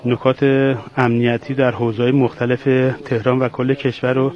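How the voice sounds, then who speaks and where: A man reporting live from the field for a radio news show in a formal, measured way. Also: medium pitch, flat delivery. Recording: muffled remote line.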